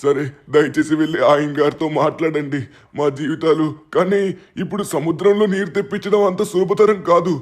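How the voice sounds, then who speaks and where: A man's voice: on the high side, little pitch movement, brisk, lightly acted. A man voicing a desperate older fisherman in a fan-dubbed game story, lamenting and pleading. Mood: despairing. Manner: lamenting, pleading, addresses the host as son.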